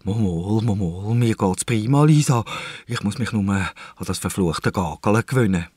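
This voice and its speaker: A man's voice: fairly low pitch, moderate pace, a little mellow, breathy edge, dry recording. A man with a Swiss German accent voicing a fat, fearful, grumbling uncle in a children's radio play. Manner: grumbling, reluctant.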